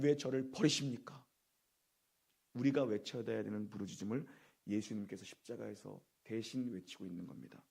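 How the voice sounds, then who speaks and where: A man's voice: mid-range voice, vocal fry, a little mellow, breathy edge. A man preaching a Good Friday sermon as pastor, repeating key phrases with emphasis and quizzing the congregation. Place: church sanctuary.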